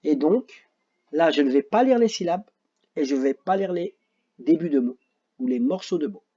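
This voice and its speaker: A man's voice: on the high side, expressive, normal speed, mellow, highs cut off. A man teaching young children phonics, patiently going through worksheet exercises and spelling out letters and sounds. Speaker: primary school teacher.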